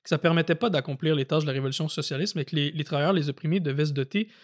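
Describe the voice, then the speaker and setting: A man with a Québécois French accent and a slightly high voice walks through history in a relaxed, conversational way. He thinks aloud as he talks, repeating words and dropping in fillers. It sounds like an audio-only podcast discussion. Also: racing. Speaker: podcast co-host. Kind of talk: casual political history discussion.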